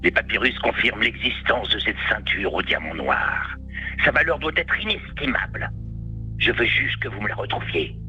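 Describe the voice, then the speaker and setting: An actor playing an imperious, condescending villain in an audio drama, pompous and commanding. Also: male voice, on the low side, very animated, normal speed, sharp tone, highs cut off, faint music behind, exaggerated voice. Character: imperious, condescending rich male villain, greedy treasure hunter. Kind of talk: scripted audio drama acting.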